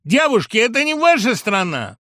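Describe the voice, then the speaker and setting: A man voicing a plump, glib young man who mocks and commands, loud and jeering. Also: very high-pitched, huge pitch swings, moderate pace, no room sound, studio quality, pitched above the performer's own voice, exaggerated voice.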